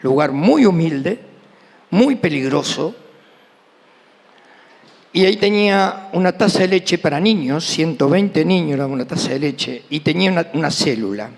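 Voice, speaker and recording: A middle-aged Argentine man preaches a testimony-driven sermon, voicing the people in his stories. His voice sits high and is heavily gravelly with fry. It rings out with a long hall reverb from the church. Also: moderate pace. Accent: Argentine Rioplatense Spanish. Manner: animated storyteller, acting out dialogue.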